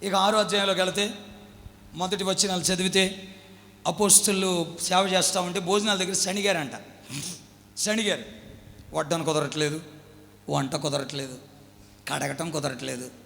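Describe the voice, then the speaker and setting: A man preaching a sermon with an emphatic, rising delivery and a higher-than-usual voice. He prompts the congregation to answer back. His voice rings through a church hall with a long reverb. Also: fairly even intonation, moderate pace, vocal fry, long pauses, sharp tone. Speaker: pastor.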